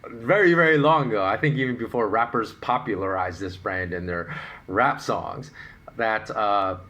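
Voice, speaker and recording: A middle-aged man hosting a solo podcast, explaining his views in an animated, opinionated way with rhetorical questions. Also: lowish voice, normal speed. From United States. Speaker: podcast host.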